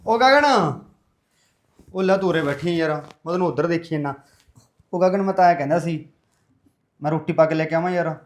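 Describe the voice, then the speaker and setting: A man's voice: on the high side, a little fast, pauses often, dry recording, lightly acted. A man playing a torn young husband. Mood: coaxing. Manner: pleading, placating. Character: young husband caught between wife and father. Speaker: son and husband.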